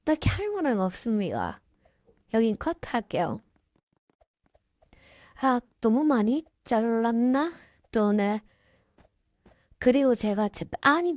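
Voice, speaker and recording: A woman with a sore throat from a cold, speaking through a voice changer in halting, flustered, casual game commentary. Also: on the high side, a little mellow, no echo. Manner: halting, easily flustered, apologetic. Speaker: gaming YouTuber. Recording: dull, lo-fi, dry sound.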